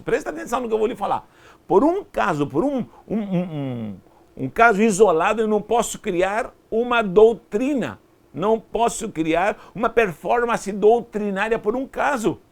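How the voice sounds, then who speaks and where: A man teaches a Bible study lesson in a high voice with a gravelly edge. He talks emphatically, repeating points and answering his own rhetorical questions. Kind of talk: online Bible study lecture.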